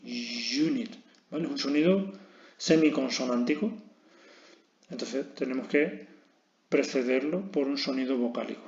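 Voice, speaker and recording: A man's voice: medium pitch, moderate pace, pauses often, darkish tone. A man with a Spanish accent teaching an English grammar lesson, explaining step by step and often checking in with his listeners. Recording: echoey room, dull lo-fi sound.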